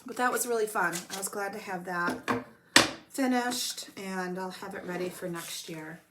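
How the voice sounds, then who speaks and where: A woman's voice: medium pitch, moderate pace, heavy background noise. Woman chatting at home about her stitching, rambly, has a cold. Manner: chatty, rambling, self-deprecating. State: coughing from a cold. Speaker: flosstube host. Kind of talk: casual show-and-tell chat. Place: home room with blanketed windows.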